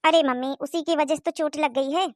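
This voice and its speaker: A woman's voice: high voice, fairly even intonation, a little fast, no room sound, studio quality, natural voice. A woman voicing a young married daughter who explains and complains to her mother. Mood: complaining.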